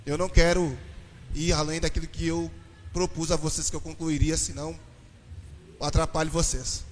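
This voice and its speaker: A Brazilian man, a pastor, giving a lively church talk on marriage and questioning his audience. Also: on the high side, normal speed, slight background noise. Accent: Brazilian Portuguese. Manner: animated, addresses the audience with questions. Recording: reverberant hall, distant mic.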